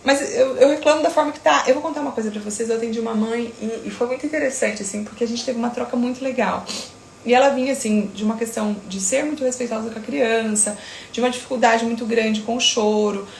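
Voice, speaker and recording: Sleep-consultant woman, thirties, firm and emphatic, slightly gravelly, roomy sound. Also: on the high side, fairly even intonation, a little hiss or hum. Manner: firm, emphatic, talks in quick asides. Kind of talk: casual talk to camera.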